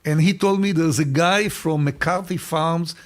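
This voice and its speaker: A man's voice: a little high, unhurried. An older man with an Israeli accent, an interview guest telling stories and often repeating words while he searches for them. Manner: warm anecdotal storytelling. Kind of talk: casual interview.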